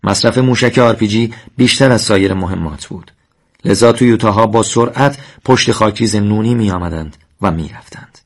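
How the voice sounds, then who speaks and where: Male narrator with a somewhat low voice for a steady, solemn reading of a war memoir. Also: gravelly.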